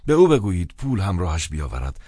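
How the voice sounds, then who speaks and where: A man voicing a blunt, weary adult male clown with short flat replies, in a dry studio narration. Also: deep voice, dry recording, voice pushed up.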